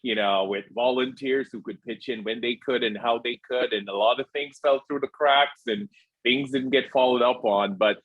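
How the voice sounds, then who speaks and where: A man's voice: mid-range voice, normal speed, no room sound, phone-quality sound. A man hosting an online call, talking in a casual, playful way. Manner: playful, animated teasing.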